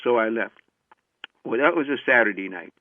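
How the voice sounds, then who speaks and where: A man's voice: mid-range voice, lively intonation, moderate pace. An older man telling a personal story as a lecturer, acting out the dialogue he remembers with many "I said" asides. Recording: tinny phone-like dry recording.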